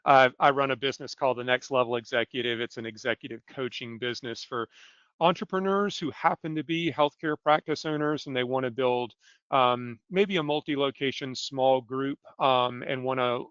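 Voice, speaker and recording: A man in his fifties from South Carolina with a smooth, resonant voice. He introduces himself briskly and easygoing, poking fun at himself. The audio is dry and dull, like a lo-fi video call. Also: mid-range voice, steady tone, a bit bright, dry recording. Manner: brisk, easygoing and self-deprecating. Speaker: guest, executive coach. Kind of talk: self-introduction on a webinar.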